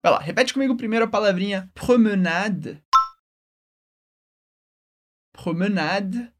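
A woman with a Brazilian Portuguese accent teaching French, upbeat and encouraging, slowing words down for the listener to repeat. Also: medium pitch, heavy background noise. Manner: upbeat, encouraging, says words slowly for repetition. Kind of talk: language lesson.

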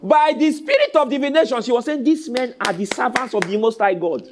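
A male preacher delivers a sermon in a high-pitched, very animated voice. He exhorts emphatically, like a coach giving a halftime pep speech, and keeps breaking his points into questions for the congregation to finish. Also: a little fast, background noise. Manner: call-and-response questions to the congregation. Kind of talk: sermon, teaching from scripture.

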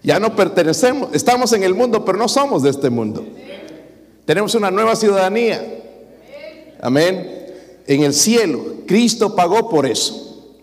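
A man, preaching a lively sermon to his congregation and acting out the people he quotes. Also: high voice, moderate pace, pauses often. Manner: lively preaching, dramatic quoted voices, addresses congregation as brothers. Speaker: pastor. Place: church hall. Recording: long reverb of a church hall.

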